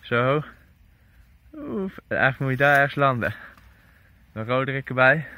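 A young man filming mountain bikers at an outdoor bike park, loudly cheering them on and chatting casually. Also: medium pitch, lively intonation, unhurried. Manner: loud cheering, egging riders on.

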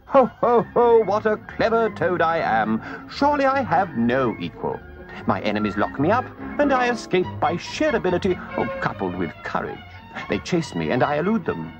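A man voicing Toad, a boastful, excitable and greedy male toad who stammers when flustered and talks pompously. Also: high voice, moderate pace, dull audio, over music, voice pushed up, heavily acted.

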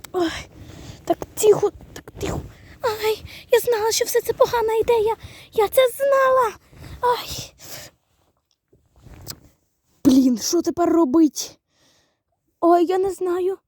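Woman vlogger, very high, lively voice; scared, slightly hoarse, shrieks then whispers. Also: no echo, studio quality. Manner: frightened, swings between shrieks and hushed whispers. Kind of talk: playful spooky Halloween vlog.

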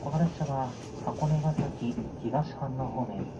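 A man working as a train conductor, giving a formal, clipped onboard announcement. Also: slow pace. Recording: muffled train PA, loud rail rumble. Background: loud moving train noise.

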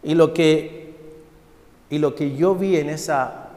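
A man's voice: fairly high pitch, slow, a little mellow. A man voicing a talking clay cup, female and pleading, crying out for the pain to stop. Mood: weary. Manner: wailing cries for it to stop. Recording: echoey hall.

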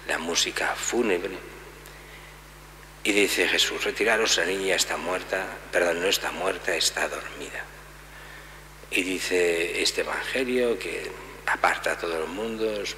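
Middle-aged man, priest, homily, low voice, bright tone, explanatory, church reverb, faint hum. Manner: calm explanatory teaching with many asides. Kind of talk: homily at daily Mass. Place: church sanctuary at a lectern. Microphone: lectern gooseneck mic.

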